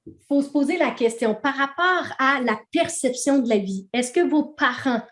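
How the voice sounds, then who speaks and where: A woman trainer with a Québécois accent explains ideas to a group in a relaxed, conversational way. Her voice sits a little high, and she keeps checking in with the listeners. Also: normal speed, roomy sound. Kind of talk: teaching a training session.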